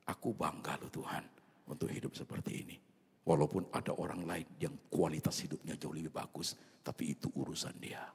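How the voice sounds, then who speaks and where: A man preaching a sermon as a pastor, mixing in English phrases and swinging between loud bursts and soft near-whispers. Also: a bass voice, vocal fry, slightly rough. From Indonesia. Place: large church hall. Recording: long reverb of a large church hall.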